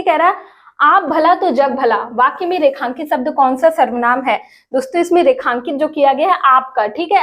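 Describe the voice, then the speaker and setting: A woman teaching an exam prep lesson, asking questions and repeating each answer for viewers. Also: sits high. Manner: addresses viewers as friends, asks and repeats answers.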